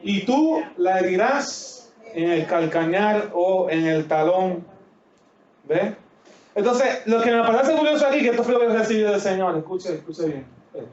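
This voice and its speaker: A high-voiced man with a Puerto Rican accent delivers a sermon in a church. He moves between emphatic, drawn-out scripture reading and quieter asides. The recording is distant, roomy and dull. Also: expressive. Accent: Puerto Rican Spanish. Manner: swings from loud preaching to quiet asides. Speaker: pastor. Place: church sanctuary.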